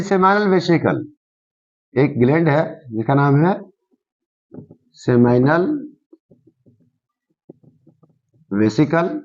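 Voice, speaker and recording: Walking through a diagram for his class, a science teacher with a high, somewhat mellow voice says every key term two times. He keeps quizzing the listener on what each part is called, heard through a muffled, lo-fi recording.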